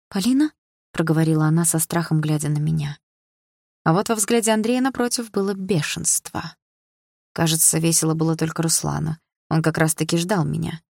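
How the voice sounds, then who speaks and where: Low-voiced woman narrating an audiobook. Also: a little mellow, no room sound, clean studio sound. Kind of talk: first-person audiobook narration.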